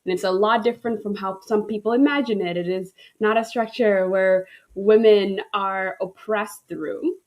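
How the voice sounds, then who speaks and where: A woman from Kenya, a relationship coach, telling a personal story in conversation with many pauses and ums. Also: mid-range voice, steady tone, darkish tone. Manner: thoughtful, with frequent ums and restarts.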